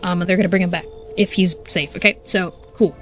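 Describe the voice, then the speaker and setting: A woman giving casual, animated gameplay commentary, exclaiming and swearing as she reacts. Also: fairly low pitch, quick pace, soft background music. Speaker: gaming YouTuber.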